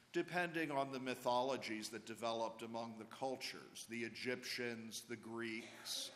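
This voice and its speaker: A man serving as priest at Mass, reading the Gospel and preaching in a slow, measured liturgical manner, his voice carrying a cathedral echo in a large church. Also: mid-range voice, a bit bright. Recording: long church reverb.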